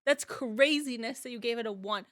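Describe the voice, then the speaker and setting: A woman co-hosting a podcast in casual chat, animated, swearing and laughing often. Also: a little high, normal speed, no room sound. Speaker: podcast co-host.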